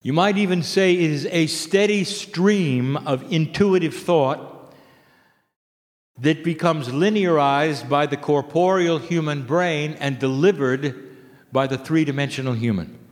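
A man giving a channeled spiritual address to an audience, declaiming in deliberate short phrases, in a reverberant hall. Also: on the high side.

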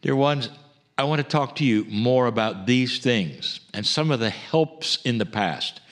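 Brief: male spiritual channeler, medium pitch, very measured, solemn and oratorical, pausing often. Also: lively intonation, fairly bright tone. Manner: solemn, deliberate, oratorical pauses.

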